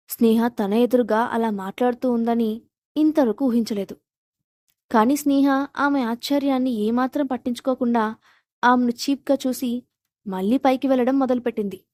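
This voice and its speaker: A woman narrating a scripted audio story in a steady, dramatic reading style. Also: a little high, no echo, clean studio sound.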